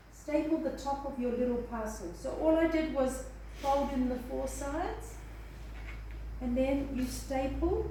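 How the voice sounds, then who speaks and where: A woman's voice: sits high, background noise. A woman from Australia giving a hands-on health demonstration, chatty, often checking in with "okay?" and "eh?". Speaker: health presenter. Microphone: far room microphone. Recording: echoey room from a distance.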